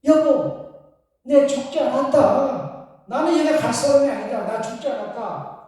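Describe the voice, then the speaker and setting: A man's voice: very high-pitched, a little slow, warm tone, pitched above the performer's own voice. A man voicing an old grandfather who insists he is not dead, in a pleading, insistent manner, heard in an echoey hall from a distance. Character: old man wrongly declared dead, protesting.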